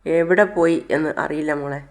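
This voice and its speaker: Mother figure, sorrowful, gravelly undertone, put on by a man. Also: on the high side, steady tone, normal speed, lightly acted. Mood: concerned. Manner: sorrowful, cursing. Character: bitter mother, sorrowful and scolding.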